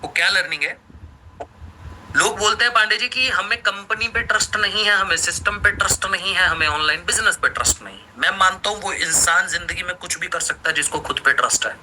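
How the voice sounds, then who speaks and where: A male host interviewing guests in an energetic, persuasive way, repeating phrases for emphasis. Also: high-pitched, a little fast, a little hiss or hum, low-quality recording. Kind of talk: motivational interview on a live call.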